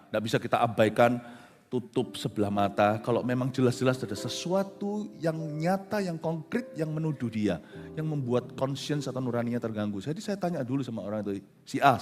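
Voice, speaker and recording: A man's voice: mid-range voice, a little fast. Male pastor preaching in reverberant hall. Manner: animated storytelling, drops to soft quiet tones then rises to loud emphasis; mixes English phrases into speech. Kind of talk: sermon with anecdote. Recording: hall reverb with soft guitar music behind.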